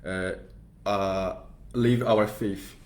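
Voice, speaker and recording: A young man in his twenties with a Brazilian Portuguese accent, speaking in a fairly low voice. He talks in careful, hesitant English and is polite throughout. His voice carries through an echoing parish room. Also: steady tone, drawn-out words. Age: 20s. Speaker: seminarian guest.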